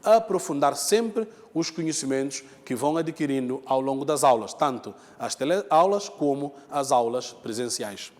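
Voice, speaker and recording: A man's voice: mid-range voice, animated, moderate pace, few pauses, darkish tone, in a large hall. A man teaching a lesson, explaining step by step, repeating key terms and checking in with the students. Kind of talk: televised lesson.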